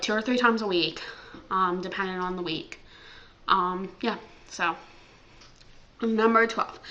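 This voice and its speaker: A woman's voice: mid-range voice, pushed and bright, dull audio. A young American woman vlogging casually at home, chatty and full of ums and likes. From United States. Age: young adult. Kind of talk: casual chat.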